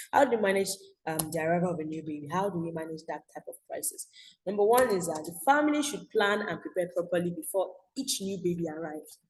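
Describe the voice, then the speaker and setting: A woman's voice: on the low side, darkish tone, slight background noise, rough recording. A young Nigerian woman teaching an online school class, chatty, often checking "you understand?".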